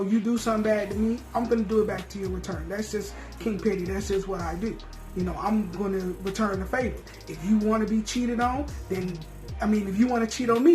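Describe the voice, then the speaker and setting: A man's voice: high voice, darkish tone. A man co-hosting a casual chat show, arguing his opinions bluntly and with profanity. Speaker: podcast co-host. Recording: roomy sound with faint music.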